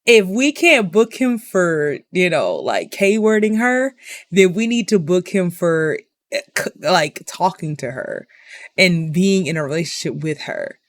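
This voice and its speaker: A young woman giving an indignant commentary rant, piling up rhetorical questions and filling pauses with "like". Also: lowish voice, very animated, no echo. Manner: indignant, exasperated, repeats herself with rhetorical questions; heavy use of "like" as filler. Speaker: commentary vlogger.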